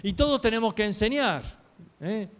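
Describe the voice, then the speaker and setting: High-voiced preacher man. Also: expressive, moderate pace. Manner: earnest storytelling with rhetorical questions. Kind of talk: sermon.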